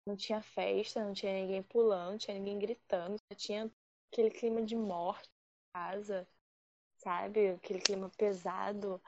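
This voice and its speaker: A woman from Rio de Janeiro, telling a personal story in a lively, animated way and acting out the quotes. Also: mid-range voice, normal speed, lo-fi sound, a little hiss or hum. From Rio de Janeiro, Brazil. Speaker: guest storyteller.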